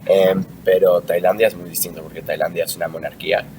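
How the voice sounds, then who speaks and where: A young man from Argentina answers interview questions in a casual way, pausing often and restarting his sentences. His voice sits very low. He is recorded from a distance, with clear background noise underneath. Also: level tone. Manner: hesitant, many fillers and restarts.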